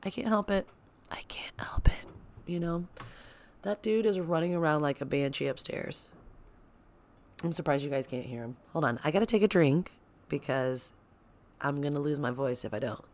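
A young woman hosting her own podcast at home, chatting in an excitable, rambling way with lots of asides. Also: low-pitched, normal speed, pauses often. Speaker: podcast host. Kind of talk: casual solo podcast chat. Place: home, child playing upstairs. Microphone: sensitive podcast microphone.

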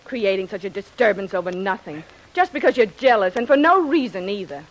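A woman playing a defiant, sharp-tongued character in 1940s radio drama, melodramatic and scolding. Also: mid-range voice, expressive, a little fast, lightly acted, poor audio. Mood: scornful.

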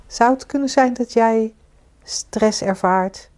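A woman's voice: fairly high pitch, slow. A woman co-hosting a podcast, talking casually and asking listeners questions. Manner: warm inviting, asks listeners questions. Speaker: podcast co-host and coach. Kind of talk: casual conversation with listener invitations.

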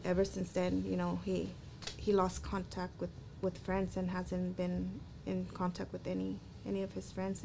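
Woman, parent, halting account, fry in the voice, background noise. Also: mid-range voice, mellow. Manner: halting, repeats words. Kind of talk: personal account in interview. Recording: noisy background.

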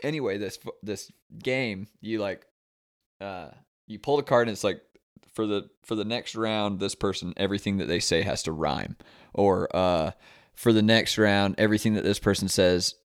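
A man's voice: fairly low pitch, normal speed, clean tone. A young man in casual chat, telling rambling stories full of swearing and laughter. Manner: rambling storyteller, heavy swearing, laughs often.

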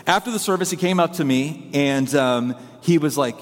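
A man's voice: on the high side, normal speed, long reverb tail. A man preaching a sermon as pastor, telling a story in a rambling, self-deprecating way.

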